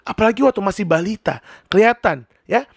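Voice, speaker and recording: A man explaining personality types in a chatty, animated, casual vlog. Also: sits high, brisk, creaky, no echo, studio quality. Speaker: personality teacher.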